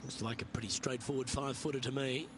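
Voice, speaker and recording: A man giving measured, understated play-by-play as a golf commentator. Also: medium pitch, steady tone, noisy background.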